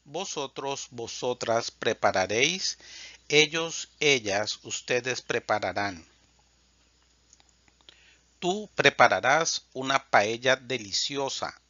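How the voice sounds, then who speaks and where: A man teaching Spanish, reading verb conjugations aloud in a measured, drilled way. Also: medium pitch, animated, pushed and bright, no room sound. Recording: dull lo-fi dry sound.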